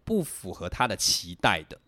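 A young man telling personal stories on a casual podcast, animated and laughing as he talks. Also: sits low, normal speed. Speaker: podcast host. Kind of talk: casual storytelling chat.

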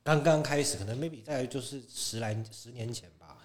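A man's voice: medium pitch, normal speed. A man with a Taiwanese Mandarin accent, speaking frankly as a podcast guest, laughing often. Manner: animated, frank, laughs often, mimics critics. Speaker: podcast guest, fitness competitor. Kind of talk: casual podcast chat.

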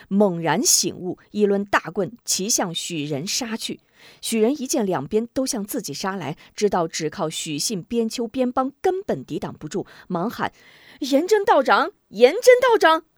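A woman narrating a martial-arts story in a dramatic storytelling style, voicing the shouting characters herself. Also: mid-range voice, no echo, studio quality. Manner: lively, acts out shouting characters.

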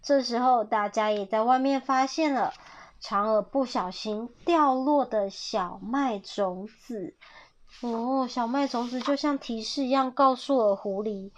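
A woman reading a children's story aloud, animated and pausing to ask her listeners questions. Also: on the high side. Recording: dull lo-fi audio.

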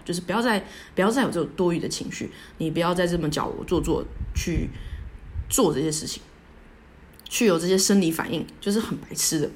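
A young woman tells a personal story alone as a podcast host, halting and self-deprecating, full of restarts. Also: low-pitched, slight background noise.

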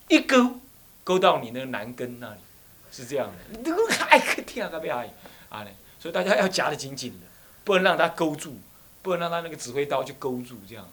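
A man in his thirties, a Buddhist abbot, giving a dharma talk full of animated personal stories and phrases. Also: a little high. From Taiwan. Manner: animated storytelling, slips into Taiwanese phrases.

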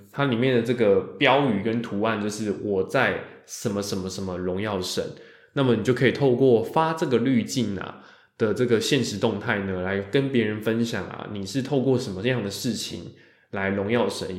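A man hosting a podcast alone, talking casually and chattily, often stretching out the sounds that end his phrases. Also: lowish voice. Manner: chatty, with drawn-out particles ending phrases. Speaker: podcast host. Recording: roomy echo.

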